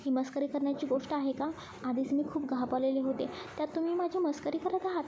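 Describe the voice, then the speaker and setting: A woman's voice: sits high, steady tone, brisk, muffled recording, crowd noise, natural voice. A woman voicing a sensitive, easily frightened young woman who scolds and teases in a storybook reading. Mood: angry. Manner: reproachful, teasing with her friend.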